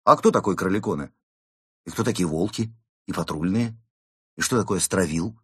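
A man's voice: low-pitched, normal speed, fairly bright tone, slightly rough, no room sound, clean studio sound, heavily acted. A man voicing a cheeky male tomcat suspect who argues in a glib, mock-innocent way.

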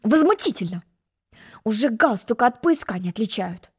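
A puffed-up, self-important egg from a storybook lectures in a high, sing-song voice, as a woman acts him out. His pitch leaps about eagerly, and every reply drips with condescension. He takes offense at the slightest remark. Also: very animated. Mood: indignant. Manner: haughty, lecturing, quick to take offense. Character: pompous boastful egg-shaped male storybook character. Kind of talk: storybook reading.

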